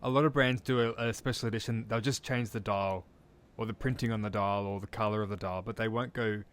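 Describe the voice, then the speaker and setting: A man's voice: on the low side, fairly even intonation, a little fast. An Australian man with an Australian accent, hosting a casual interview and keeping it going with short, attentive responses. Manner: attentive, frequent short backchannels. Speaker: podcast host.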